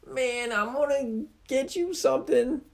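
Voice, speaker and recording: A man voicing a small, brash male sidekick who taunts and mocks in a very high, squeaky voice. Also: very animated, gravelly, a little mellow, full character voice. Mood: mocking. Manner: brash, taunting, fast-talking.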